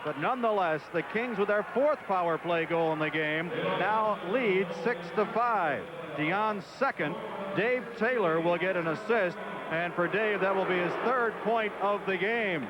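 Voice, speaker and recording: A man's voice: high-pitched, unhurried, heavy background noise. A man giving hockey commentary, recapping the plays and statistics. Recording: muffled vintage broadcast with loud music.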